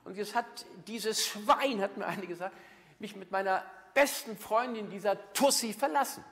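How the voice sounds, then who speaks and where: Man playing a shrill jilted wife. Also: moderate pace, a bit bright. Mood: outraged. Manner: shrill outraged complaining. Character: woman dumped by her husband, shrill and indignant. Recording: long hall reverb.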